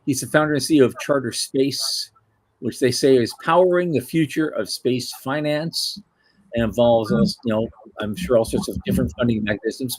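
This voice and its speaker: A man's voice: medium pitch, dry recording. Guy hosting a podcast, casual and chatty, mid voice, dry close sound. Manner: chatty, informal, lively asides. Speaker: podcast host. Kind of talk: casual interview chat.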